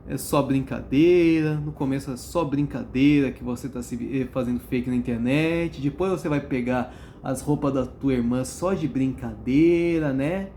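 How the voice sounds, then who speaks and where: A vlogger ranting to camera in a casual, blunt, slangy way, laughing at their own stories and jumping up in pitch for emphasis. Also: normal speed, mellow, a little hiss or hum. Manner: profane, blunt, slangy storytelling; mimics other people's voices when quoting.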